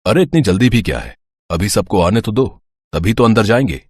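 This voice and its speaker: Man playing a reassuring young cop, low husky voice, cartoon story; faint music behind. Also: very animated, brisk, a little mellow, no room sound, studio quality. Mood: calm. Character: young male police inspector, bold. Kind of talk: animated storybook voice acting.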